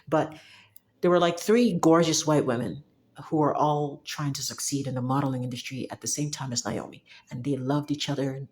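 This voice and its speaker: A young software developer from Cameroon talks to the camera in a casual monologue, her voice deep and a little mellow. She speaks emphatically, with restarts and frequent laughs.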